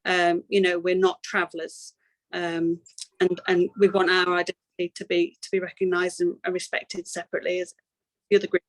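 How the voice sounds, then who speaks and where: A woman speaks on a webinar video call with a flat, even voice. She is hesitant and often repeats words. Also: lowish voice, normal speed. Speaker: panelist. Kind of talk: webinar discussion.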